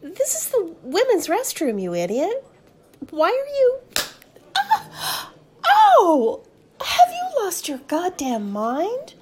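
Woman doing a cornered young woman, very high voice, slow breathless delivery, sobbing and cursing. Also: huge pitch swings, a little mellow, heavily acted. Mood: angry. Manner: sobbing, breathless, pleading, swearing. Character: cornered young woman, frightened, then bitter. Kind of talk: adult audio roleplay acting.

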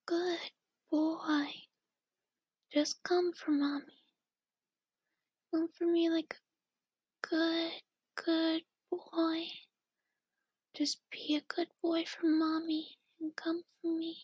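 Woman whispering real soft and slow, high even voice, dry close sound. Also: no room sound. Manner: slow, coaxing and doting. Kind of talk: whispered ASMR roleplay.

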